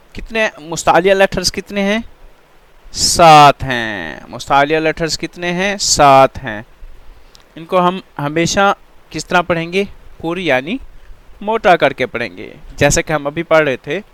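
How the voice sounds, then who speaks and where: A man teaching tajweed in an online Quran reading lesson, drawing out letter sounds slowly and often checking that students follow. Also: fairly high pitch, a bit bright, clear, resonant tone, no room sound. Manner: slow drawn-out letter drills with frequent check-ins.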